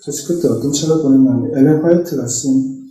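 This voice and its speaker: Middle-aged man, deacon giving a church testimony; mellow, storytelling delivery, echoey hall, distant mic. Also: mid-range voice, fast talker. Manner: storytelling, acting out family dialogue. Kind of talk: personal testimony told as a story. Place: church sanctuary.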